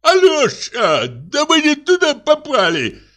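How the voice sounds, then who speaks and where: A man reading an audiobook, voicing a fussy tipsy middle-aged man who pleads and whines in a high voice. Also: animated, slow pace, sharp tone, heavily acted. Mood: whining. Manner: pleading, whining, high and coaxing.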